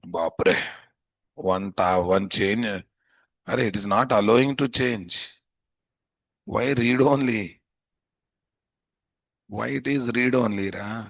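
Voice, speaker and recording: A man with a Telugu Indian accent teaching a live software class, informally thinking aloud and repeatedly putting questions to students. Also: lowish voice, slow, pauses often, no room sound. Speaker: programming instructor.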